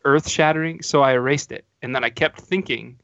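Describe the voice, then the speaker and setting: A man's voice: medium pitch, brisk, fairly bright tone, dry recording. Man rambling anecdotes on dull audio. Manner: rambling anecdotal storytelling with restarts. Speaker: podcast host. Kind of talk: casual football podcast chat. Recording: dull, dry lo-fi recording.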